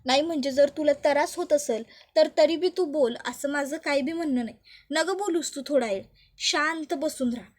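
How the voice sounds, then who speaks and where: A woman's voice: sits high, normal speed, a little mellow, natural voice. A woman voicing a scheming older village mother-in-law in a serial recap, with rustic fussing speech. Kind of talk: reading a character's lines in a serial recap.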